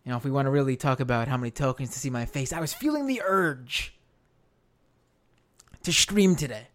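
Hosting a live stream, an American man talks casually and haltingly in a hoarse, worn-out voice, repeating phrases for emphasis. His delivery is animated and medium in pitch.

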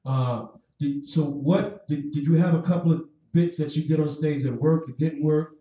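Mellow-voiced host on an echoey call. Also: male voice, on the high side, steady tone, moderate pace, dull audio. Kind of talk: casual interview chat. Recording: echoey, distant call audio.

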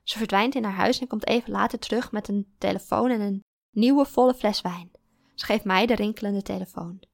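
A woman reading a first-person story aloud in a calm, even storytelling manner. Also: mid-range voice, brisk, creaky, no room sound, clean studio sound. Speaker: narrator.

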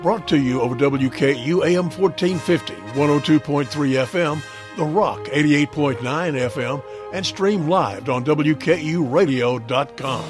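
A man's voice: on the high side, moderate pace. Male radio announcer over music. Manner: formal announcing. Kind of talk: scripted program introduction.

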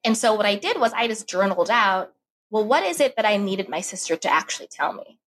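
A woman talking as a podcast guest, candid and animated, giving advice and telling personal stories. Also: mid-range voice, fairly quick, a little hiss or hum. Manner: animated, acts out her inner voice when telling stories.

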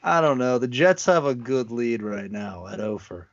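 A man's voice: mid-range voice, lively intonation, moderate pace, lo-fi sound. A man co-hosting a podcast, chatting casually about football, laid-back and laughing easily, with frequent restarts. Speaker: podcast co-host. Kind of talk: casual sports chat.

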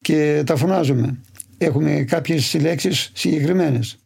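A livestock farmer from Imathia, answering interview questions in detailed, steady storytelling. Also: male voice, fairly high pitch, vocal fry, breathy edge. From Imathia, Greece.

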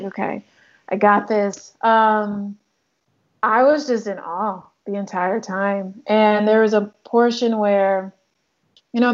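With a mid-range voice captured in lo-fi sound, a Congolese woman from the Democratic Republic of Congo chats casually in an interview. She works as a photographer and filmmaker, and she says "like" and "um" frequently.

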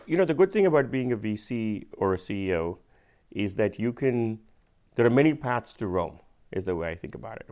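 A man with an Indian accent, a venture capitalist, explaining things patiently and with measured emphasis in casual conversation. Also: fairly low pitch, darkish tone.

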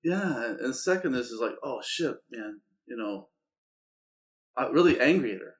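A man's voice: mid-range voice, lively intonation, moderate pace. A middle-aged man in casual conversation, talking reflectively about himself and laughing often.

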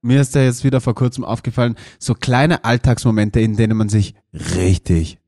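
A man's voice: mid-range voice, steady tone, normal speed, warm tone. A man co-hosting a casual podcast, complaining dramatically with comic exaggeration. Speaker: podcast co-host.

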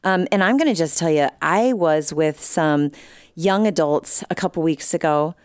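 A middle-aged woman hosts a radio talk show in a studio, chatty and quick to laugh. Her voice sits a little low and sounds dry and close, with no room around it. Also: clear, resonant tone, dry recording. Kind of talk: casual studio chat.

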